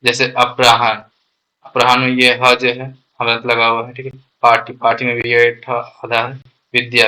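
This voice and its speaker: A man's voice: mid-range voice, sharp tone, poor audio. A man teaching a Hindi grammar lesson, explaining step by step and often checking in with "ठीक है".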